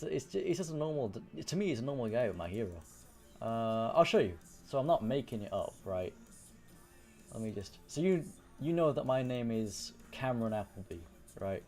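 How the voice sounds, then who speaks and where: A young male streamer from Wales chats loosely on a casual livestream, his Welsh accent carrying some English influence. His tone is warm and low-key as he rambles, swears casually and answers his chat.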